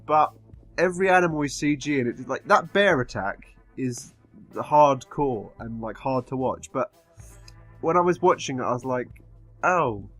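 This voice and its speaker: A man's voice: mid-range voice, lively intonation, normal speed, a bit bright, soft background music. A man giving a casual film review in a drunken, rambling way, swearing often as he talks. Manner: frequent swearing.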